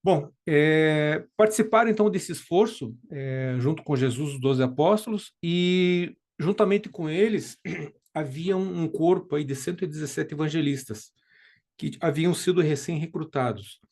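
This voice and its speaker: A man's voice: on the high side, normal speed, darkish tone. A Brazilian man giving an informal spoken lesson, hesitant, with many fillers and restarts. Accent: Brazilian Portuguese. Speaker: study group teacher.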